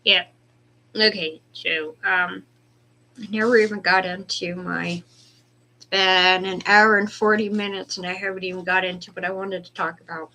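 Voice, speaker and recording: A woman hosting a casual spiritual livestream, rambling between prayer requests and reading Bible verses slowly and deliberately. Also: mid-range voice, steady tone, pushed and bright. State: hiccups, dry throat.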